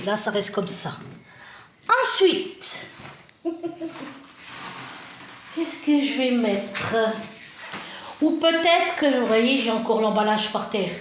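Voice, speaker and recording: A fairly high-voiced woman talks casually at home while she arranges her decor. She is chatty and self-mocking and laughs easily. Her voice carries through a roomy, echoey room to a camera a little distance away, with faint noise behind it. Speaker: home vlogger. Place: indoors at home.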